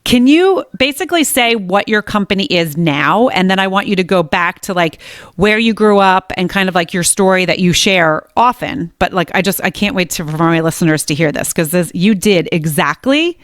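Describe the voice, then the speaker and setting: A woman hosting a podcast interview, gushing and excited, often restarting her sentences. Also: lowish voice, normal speed, no echo, clean studio sound. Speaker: podcast host. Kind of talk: casual interview chat.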